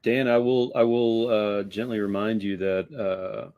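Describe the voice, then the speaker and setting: Reflective low-voiced man hosting. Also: flat delivery, a little slow, a little mellow, muffled recording. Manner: reflective, hesitant, many fillers. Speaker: host. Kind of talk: casual chat.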